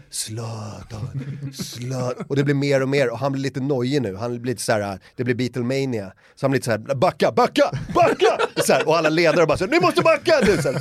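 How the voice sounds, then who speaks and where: A man tells a story on a podcast, his delivery lively and animated, and he acts out the shouts of the people in it. The recording is dry and close to the mic. His pitch sits in the middle range. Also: dry recording. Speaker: podcast host. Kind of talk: casual anecdote telling.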